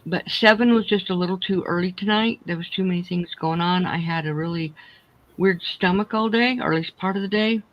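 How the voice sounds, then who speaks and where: Creaky-voiced woman chatting, toothless speech. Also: fairly low pitch, highs cut off. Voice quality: speaking without teeth in. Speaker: host of a crochet chat livestream. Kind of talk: casual livestream chat.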